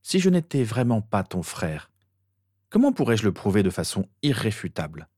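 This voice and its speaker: A man's voice: lowish voice, sing-song, normal speed, dark tone, no echo, clean studio sound. A man reading a desperate young wizard. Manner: pleading, insistent.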